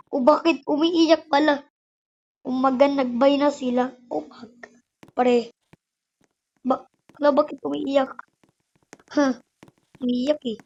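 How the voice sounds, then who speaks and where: A woman giving excitable, chatty commentary on her online game as a YouTuber, full of exclamations. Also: high-pitched, muffled recording. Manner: excitable, chatty, code-switching, frequent exclamations. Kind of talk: casual gameplay commentary.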